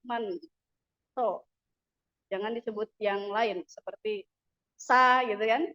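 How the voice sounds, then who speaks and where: A woman's voice: mid-range voice, steady tone, slow, muffled recording. A woman teaching an Arabic class, patiently explaining the rules and modelling pronunciation. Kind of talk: classroom instruction.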